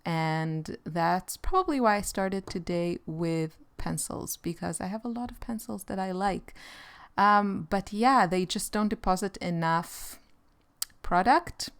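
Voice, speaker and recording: Israeli woman artist host, unhurried easy chat while painting, clear smooth voice, slightly low. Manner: relaxed, rambling, with light laughs.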